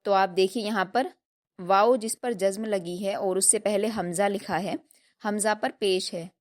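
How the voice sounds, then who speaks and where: A woman teaching a tajweed lesson, explaining patiently step by step and drilling each sound slowly. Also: medium pitch. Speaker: Quran recitation teacher.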